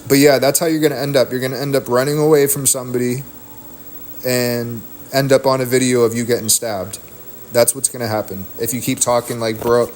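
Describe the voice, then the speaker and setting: A man's voice: mid-range voice, little pitch movement, a little fast, slight background noise. A man streaming from home, delivering a heated, profane, rambling rant into a desk mic. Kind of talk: ranting stream talk.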